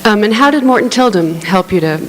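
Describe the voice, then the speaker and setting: A woman's voice: mid-range voice, lively intonation, a little fast. A woman moderating a festival writers' panel who asks questions that stumble and restart. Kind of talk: panel discussion. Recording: hall reverb, faint hum.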